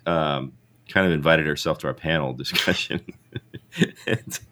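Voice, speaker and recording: A man with a very low, deep voice hosts a podcast over a remote setup. He sounds a little under the weather, his voice rough like he just woke up, and he rambles, restarts and chuckles as he talks. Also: moderate pace, bright, forceful tone. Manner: rambling, self-correcting, laughs often. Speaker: podcast host. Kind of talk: casual interview chat. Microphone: remote call setup.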